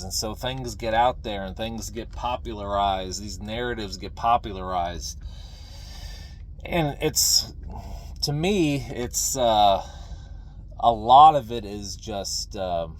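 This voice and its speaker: A middle-aged man talking casually and ramblingly to viewers, folksy and opinionated, halting and repeating phrases for emphasis. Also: lowish voice, slight background noise. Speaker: video creator, veteran pipe smoker. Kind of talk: casual rambling talk to camera.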